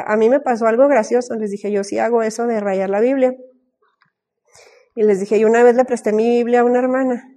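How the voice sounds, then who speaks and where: A woman with a Mexican accent speaks in a mellow, warm tone that sits a little high. She teaches casually, telling anecdotes and filling pauses with small hesitations. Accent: Mexican Spanish. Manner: chatty, storytelling, frequent fillers and light laughter. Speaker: Bible study teacher.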